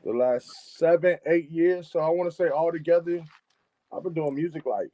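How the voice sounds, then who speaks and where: A Chicago man, a music engineer, chats casually as a guest on a live-streamed interview, often repeating and restarting his phrases. His voice is a little high and dark in tone, at a normal speed with no echo. He's heard through a video call microphone.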